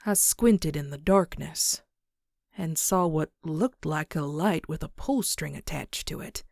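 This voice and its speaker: A clean studio take with no echo: a woman with a low voice dubs a horror comic as a terrified pony narrator. Her dramatic, slow delivery carries hushed dread and falls into breathy whispers.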